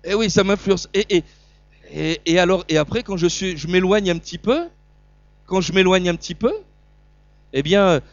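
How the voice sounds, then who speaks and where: Preacher with a southern French accent. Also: male voice, high voice, normal speed, long pauses, no echo, muffled recording. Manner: hesitant, repeats words, swings from loud emphatic to quiet chatty. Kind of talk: sermon.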